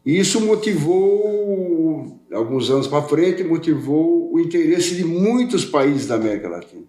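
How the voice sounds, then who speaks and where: A man's voice: on the high side, lively intonation, measured pace, mellow. Older man rambling in a roomy echo. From Portugal, raised in Brazil. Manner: rambling, repeats words and restarts. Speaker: podcast guest, welding specialist. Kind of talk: casual interview chat.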